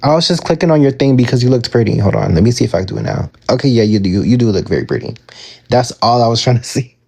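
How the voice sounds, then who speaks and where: A man's voice: medium pitch, dark tone, breathy edge. A man giving casual manifestation advice on a live stream, reading viewer comments aloud and answering them in a chatty way full of fillers, into a phone.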